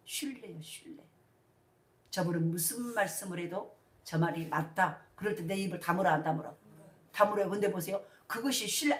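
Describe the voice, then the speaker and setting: An echoey church sanctuary, a distant mic, and a middle-aged woman preaching: the senior pastor gives a lively sermon built around call-and-response questions. Her voice is mid-range.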